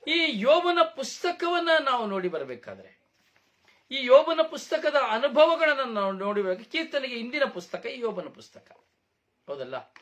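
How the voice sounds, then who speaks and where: A man preaching a sermon, emphatic, with repeated phrases and rhetorical questions, dropping to a soft low voice when he asks them. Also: sing-song, normal speed. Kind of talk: Kannada sermon.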